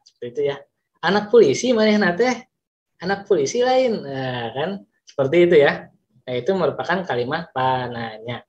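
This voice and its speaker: A male teacher with a Sundanese accent explaining a lesson, repeating examples and stretching words for emphasis. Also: on the high side. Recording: slightly dull lo-fi recording.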